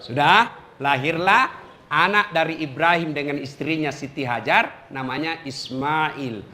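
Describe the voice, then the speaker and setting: Man preacher, middle-aged, humorous sermon, animated storytelling, slightly high voice. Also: measured pace, slight background noise. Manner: animated storytelling, joking with the audience.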